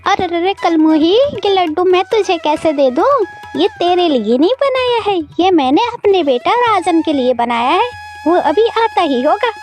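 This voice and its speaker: A woman voicing a harsh, scornful stepmother in a cartoon story, with a shrill, cutting voice. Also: lively intonation, moderate pace, darkish tone, faint music behind. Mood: scolding. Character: harsh scolding stepmother, favours her own son.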